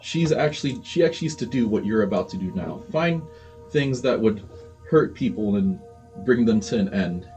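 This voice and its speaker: Man voicing fretful orphanage caretaker NPC, low mellow tone, halting delivery. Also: lively intonation, soft background music, close to an everyday voice. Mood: worried. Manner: halting, hesitant speech with repeated words.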